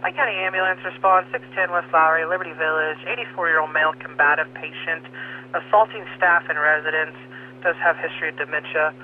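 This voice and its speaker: A man's voice: on the high side, fairly quick. A man dispatching an emergency call over a two-way radio, clipped and procedural, repeating the call details. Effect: heard over a two-way radio. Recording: tinny distant radio with faint hiss.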